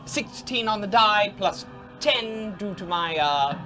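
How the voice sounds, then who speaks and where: A man taking part as a player in a tabletop game, lively and excitable. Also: high-pitched, a little slow, over music.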